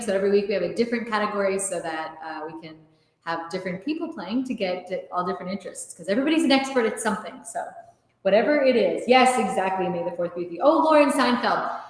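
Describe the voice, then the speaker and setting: A woman's voice: mid-range voice, a bit bright. A woman hosting a casual trivia stream, chatting and reading quiz questions aloud. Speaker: trivia night host. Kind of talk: casual livestream chat. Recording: very echoey room with long reverb.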